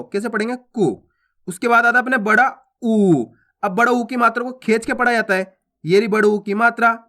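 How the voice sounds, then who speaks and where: A man's voice: sits high, pushed and bright. A man teaching children's Hindi spelling, patiently repeating each sound and asking the listener questions. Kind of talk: explaining a spelling lesson.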